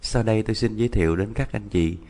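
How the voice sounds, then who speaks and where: A man teaching a self-study language lesson, counting slowly and repeating each word with deliberate care. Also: on the low side, warm tone. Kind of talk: slow instructional lesson.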